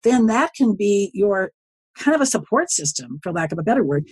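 Casting: woman in her 70s, husky, dry close sound, chatty storyteller who wanders into asides. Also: mid-range voice, very animated, normal speed, darkish tone, no room sound. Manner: rambling, folksy, often circles back with asides. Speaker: podcast guest, social media consultant. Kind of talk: casual storytelling interview.

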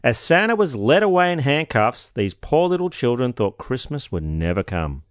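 A man's voice: medium pitch, big pitch swings, moderate pace, clean tone, no echo, studio quality. Cheeky man co-host. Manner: cheeky, laughing. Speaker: podcast co-host. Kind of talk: comedic banter.

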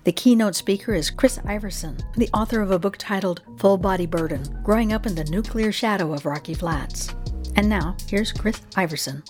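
A woman's voice: medium pitch, moderate pace, darkish tone, soft background music. An American woman hosting a radio science show, reading scripted narration and asking questions in a curious way.

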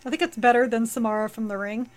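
A woman's voice: fairly high pitch, fairly even intonation, fast talker. A woman co-hosting a casual comics podcast, rambling through plot recaps with fillers and restarts. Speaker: podcast co-host.

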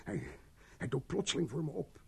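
An actor dubbing a frightened suspect who talks haltingly and stammers. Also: male voice, a little high, big pitch swings, creaky, breathy edge, full character voice. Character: shaken man hiding a fatal accident. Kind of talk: dubbed film acting.

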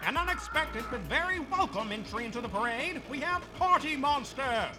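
Cheeky cartoon event announcer, super high lively voice, music going behind. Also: male voice, normal speed, low-quality recording. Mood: excited, announcing. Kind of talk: event commentary.

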